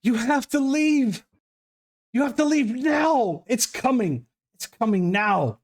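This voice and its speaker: Urgent, pleading tabletop-horror messenger, acted by a man, lifted in pitch above a normal male register. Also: animated, slow pace, full character voice. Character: urgent pleading voice warning of a monster. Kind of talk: tabletop role-play acting.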